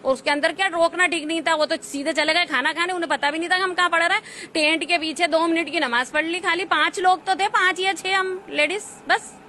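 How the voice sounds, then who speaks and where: A woman's voice: very high voice, steady tone, fairly quick, hardly any pauses, sharp tone, slight background noise. A woman, answering an interview defiantly with pointed rhetorical questions. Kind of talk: indignant street interview answers.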